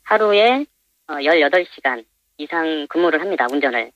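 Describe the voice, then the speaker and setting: Electronically disguised man's voice, talking fast. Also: expressive, fairly bright tone, no room sound. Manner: halting, polite and explanatory. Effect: voice disguised by pitch-shifting for anonymity. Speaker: minibus driver interviewed anonymously. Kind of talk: plain interview answers. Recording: dull, band-limited phone interview audio.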